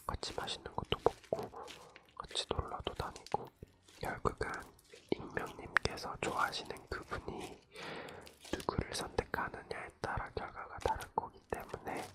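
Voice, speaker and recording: Close, leaned-in whispering radio host. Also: moderate pace. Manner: leaning in to whisper, soft and intimate; gentle, consoling, informal advice-giving. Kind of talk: whispered ASMR radio show, reading and answering listener stories.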